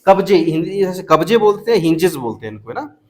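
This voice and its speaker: High-voiced man teaching a classroom. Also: very animated, fast. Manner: questioning, coaxing students to answer. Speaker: school math teacher. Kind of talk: classroom teaching, mixing Hindi and English.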